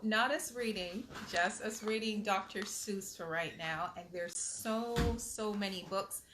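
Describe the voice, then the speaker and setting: At a storytime, a woman reads a picture book aloud to children with lots of expression, adding patient, motherly asides. Her voice is medium in pitch and a little slow, and there is heavy noise in the background.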